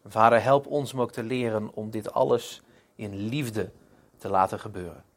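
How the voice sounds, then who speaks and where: A man preaching a sermon, opening with prayer and telling stories in a halting way, often repeating words. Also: fairly low pitch, fairly even intonation. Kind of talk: sermon with storytelling.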